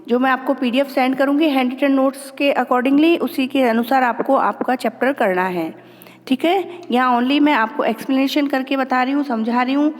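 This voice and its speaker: A woman teacher giving an online lesson to children, patiently drilling words slowly and explaining in a mix of Hindi and English. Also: high-pitched, long reverb tail. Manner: slow, careful word-by-word pronunciation drills.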